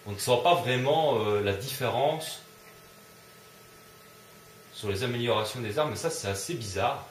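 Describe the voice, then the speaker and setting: A man's voice: mid-range voice, unhurried, reverberant, a little hiss or hum. A man commenting casually on his gameplay in a let's play, grumbling, easily annoyed and swearing often. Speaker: gamer doing a let's play.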